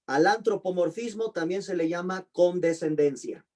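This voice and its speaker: Man teaching slowly, spelling out terms. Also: sits high, darkish tone. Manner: slow, deliberate spelling-out of terms; quizzing students with questions. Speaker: pastor and teacher. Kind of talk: online class lecture.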